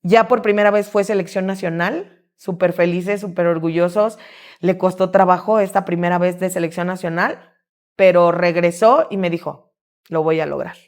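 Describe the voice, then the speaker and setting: Woman, interview guest, chatty and animated, voices her own quotes. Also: fairly low pitch, normal speed. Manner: lively, quotes herself and her son. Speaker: guest, gymnastics coach and sports mom. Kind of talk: casual interview storytelling.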